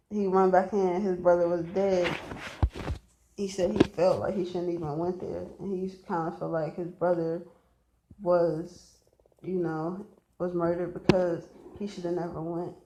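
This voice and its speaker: A woman in her twenties, a vlogger and aspiring rapper, talks straight to camera in a casual, blunt, profane ramble full of fillers and emphatic repeats. Her voice is mid-range and a little mellow, in poor audio with slight background noise.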